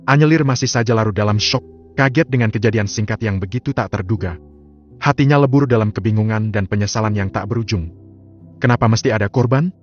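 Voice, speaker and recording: A man reading a dramatic story aloud in a steady, solemn narrating voice. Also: lowish voice, fairly quick. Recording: slightly dull lo-fi audio. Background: faint music.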